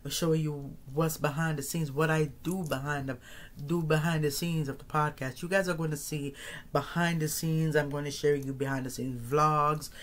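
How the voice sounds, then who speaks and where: Moderately paced, with fairly even intonation and a slightly bright, fairly high voice, a man in his thirties talks casually on his own podcast. The solo monologue rambles, full of repetitions and restarted sentences.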